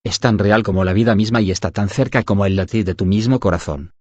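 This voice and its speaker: A man narrating a devotional audiobook in an even, measured reading style. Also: lowish voice, slightly rough, dry recording, muffled recording. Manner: even, measured reading that voices punctuation aloud.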